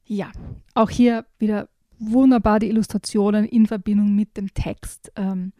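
Enthusiastic female book reviewer, mellow voice, dry close sound. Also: medium pitch, fairly even intonation, normal speed, dry recording. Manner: warmly enthusiastic, reads aloud. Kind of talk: casual book review chat.

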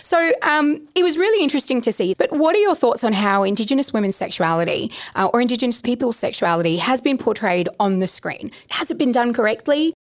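A woman's voice: a little high, animated, fairly quick, hardly any pauses, no echo, clean studio sound. A woman with a Queensland Australian accent hosting a casual, candid chat in a playful, frank manner. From Brisbane, Australia. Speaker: podcast host interviewing a guest.

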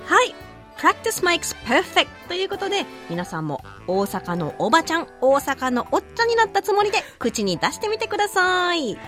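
Lively high-voiced woman with Osaka accent. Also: moderate pace, faint music behind. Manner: gentle, encouraging, laughs easily. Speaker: Osaka dialect teacher. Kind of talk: casual radio language lesson.

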